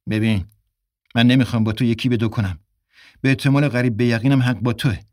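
A man's voice: steady tone, no room sound, studio quality, close to an everyday voice. A man reading an audiobook, voicing a gloomy, defensive young man. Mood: wistful. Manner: gloomy, low-key.

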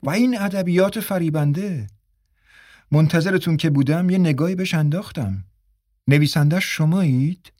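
A woman's voice: low-pitched, dark tone, pitched above the performer's own voice. A male narrator voicing a prim, prudish older woman who lectures and disapproves in a raised, reproachful tone.

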